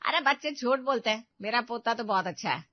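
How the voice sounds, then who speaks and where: A woman's voice: on the high side, animated, a little fast, no echo, natural voice. A woman voicing a domineering old grandmother in a cartoon who spoils her grandson and scolds her daughter-in-law. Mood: dismissive. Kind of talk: cartoon voice acting. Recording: dull dry recording.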